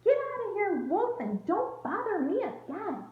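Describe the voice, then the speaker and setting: A rude little storybook pig, put on by a woman, yells curt brush-offs in a very high, loud voice. He sounds irritable, and the recording is roomy and thin like a phone. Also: very animated, measured pace, phone-quality sound, exaggerated voice. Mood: rude, angry. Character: rude, irritable male pig shouting off visitors. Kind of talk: expressive storybook read-aloud.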